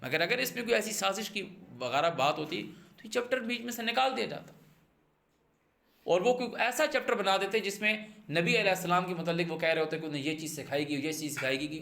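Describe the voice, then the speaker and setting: A man's voice: sits high, gravelly, pushed and bright. A man teaching the Quran, reciting each Arabic verse and then explaining it, often repeating his phrases and speeding up as he gives examples. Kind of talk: verse-by-verse Quran translation and commentary.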